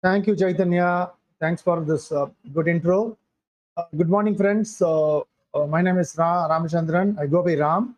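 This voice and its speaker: A man's voice: a little high, fairly even intonation, brisk, muffled recording. An older man with a Tamil Indian accent gives an informal talk as a guest speaker, in hesitant, repetitive phrasing. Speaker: guest speaker, IT security consultant.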